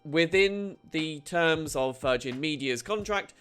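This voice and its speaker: A man's voice: on the high side, expressive, slow pace, a bit bright, clean tone, faint music behind. A man giving chatty, wry advice in a casual talk. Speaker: host.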